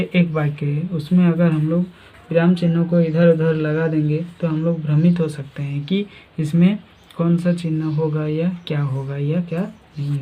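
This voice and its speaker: Slow teacher on a tinny line. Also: mid-range voice, slightly rough. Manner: asks questions and answers them. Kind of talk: Hindi grammar lesson. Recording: tinny phone-like sound.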